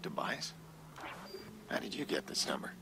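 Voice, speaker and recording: An actor playing a grim, vengeful male vigilante in a video game, speaking tersely and guardedly in a low gravelly growl. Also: very animated, normal speed, sharp tone, soft background music, full character voice. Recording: game dialogue over noisy ambience.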